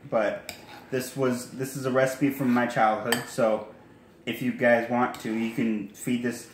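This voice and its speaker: Filmed on a phone in his kitchen, this young adult cooking vlogger shows a recipe casually, chatting, rambling and fixing his own mistakes as he goes. His medium-pitched voice is flat and measured, and the echoey room carries faint clatter and slight background noise.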